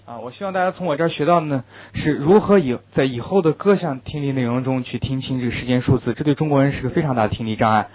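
A male teacher lectures quickly and emphatically, driving home his key points by repeating them. His voice sits in an ordinary middle register. The recording is thin and phone-like. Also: medium pitch. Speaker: English teacher. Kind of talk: classroom lecture.

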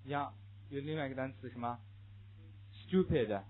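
A young man teaches English pronunciation at a quick pace, his medium-pitched voice showing little pitch movement. During the classroom lecture he covers sound changes and leads students in repeating phrases, and the audio is muffled and phone-like.

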